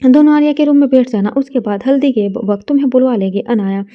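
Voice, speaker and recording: A woman voicing a loving but firm elderly grandmother, speaking gently and with authority. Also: sits high, quick pace, dull audio, natural voice. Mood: firm, gentle.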